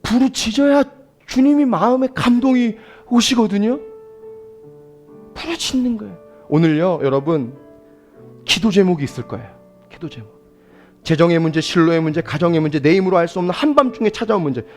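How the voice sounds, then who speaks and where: A male pastor preaching a Sunday sermon to a congregation with a sore throat, emphatic and swinging between soft asides and loud cries, often asking his listeners questions. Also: high voice, brisk, pauses often, soft background music. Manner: asks the congregation questions and leads group reading. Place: church service before a congregation.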